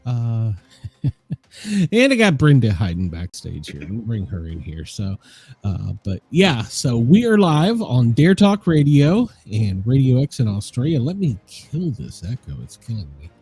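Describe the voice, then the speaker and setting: A man's voice: mid-range voice, wildly swooping pitch, measured pace, darkish tone. A man hosting a live show in a casual, rambling chat style.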